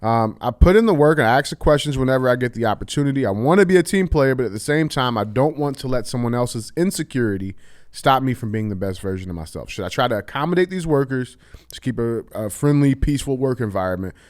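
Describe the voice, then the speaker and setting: A man's voice: medium pitch, expressive, fast talker. A man co-hosting a podcast, reading a listener's question aloud in a casual manner.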